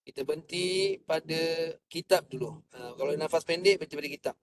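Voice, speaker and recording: A man teaching Quran recitation. He explains each point calmly and sings the verses in a drawn-out chant for students to copy. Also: fairly high pitch, crowd noise. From Malaysia. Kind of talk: slow patient recitation lesson. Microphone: online class microphone.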